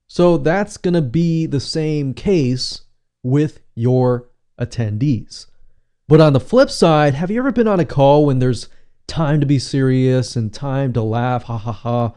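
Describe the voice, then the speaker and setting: A man with a mellow, smooth, resonant voice gives an instructional talk on running webinars. He speaks conversationally, circling back to his main points and asking the listener rhetorical questions. His pitch sits in an ordinary middle range. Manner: conversational, repeats phrases, uses rhetorical questions. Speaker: webinar coach.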